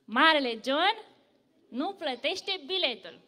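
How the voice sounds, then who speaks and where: A woman voicing a big, strong, boastful man who announces himself loudly, in a reverberant church hall. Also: animated. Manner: loud, booming declarations.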